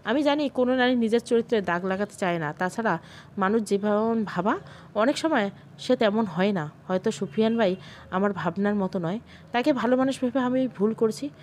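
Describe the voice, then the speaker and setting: A woman voicing a kind young sister-in-law in an audio story, gentle and reassuring. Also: medium pitch, fairly quick, a little hiss or hum, natural voice.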